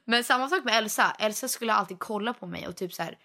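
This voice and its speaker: A young woman chatting casually as a podcast co-host, telling a story in an animated way and mixing in English phrases. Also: medium pitch, gravelly. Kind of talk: casual chat.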